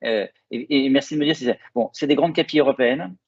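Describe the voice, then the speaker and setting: A man's voice: mid-range voice, fast, gravelly, darkish tone, husky. A man moderating a conference panel, putting questions with many fillers and restarts. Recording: dull lo-fi sound.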